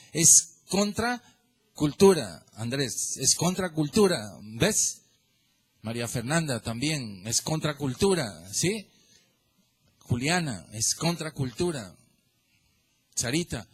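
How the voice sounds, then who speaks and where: Colombian male pastor, lively sermon, slightly high voice, talks straight to the congregation. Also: husky. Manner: animated, addresses listeners by name, asks rhetorical questions.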